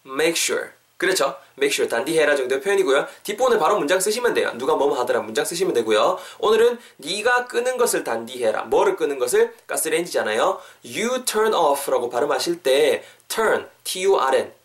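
In a podcast English lesson, the young male host breaks down phrases and then goes over them slowly so people at home can repeat them. He's a teacher with a bright, coaxing style and sudden upward pitch jumps.

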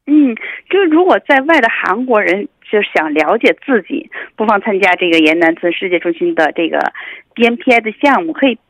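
A woman speaking as an official guest over the telephone, explaining things in a somewhat halting way. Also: medium pitch, expressive, dry recording. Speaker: city official, phone guest. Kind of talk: explanatory phone interview. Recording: tinny narrow phone line.

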